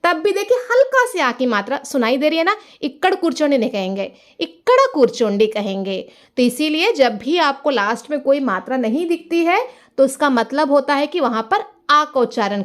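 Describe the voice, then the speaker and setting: A high-pitched woman gives a language lesson. She says each phrase slowly and clearly, then repeats it. She explains each point with patience. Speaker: language teacher. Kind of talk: slow, careful language lesson.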